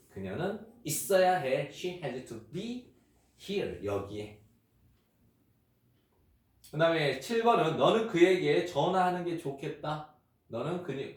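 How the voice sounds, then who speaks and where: A man teaching English grammar to children, explaining step by step and repeating example phrases slowly. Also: on the high side. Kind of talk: unedited grammar lesson for children. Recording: echoey room, mic far off, faint noise.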